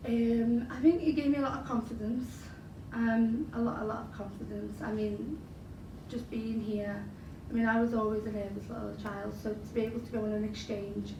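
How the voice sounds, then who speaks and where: Heard from afar in a big, reverberant event hall with noise, the recording also sounds muffled. The speaker is a young Liverpool poet with a Scouse accent and Arabic as her first language, answering interview questions in a chatty, filler-heavy way. Her voice is fairly high and flat at a normal speed.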